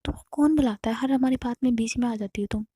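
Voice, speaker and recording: A woman voicing a rude, pushy young man in a spoken love story, with sharp taunting retorts. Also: fairly high pitch, fast, slightly rough, dry recording, clean studio sound. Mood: irritated.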